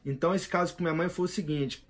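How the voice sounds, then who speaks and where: Brazilian guy in his 30s, kinda high voice, rambling and emphatic, casual vlog talk. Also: fairly even intonation, fast talker. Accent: Brazilian Portuguese. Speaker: vlogger. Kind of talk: casual monologue.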